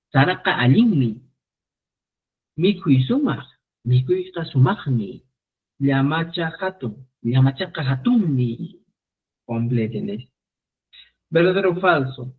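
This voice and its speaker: A man teaching a live online Quechua class, repeating phrases slowly for students. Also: on the high side, breathy edge. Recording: phone-like narrow sound.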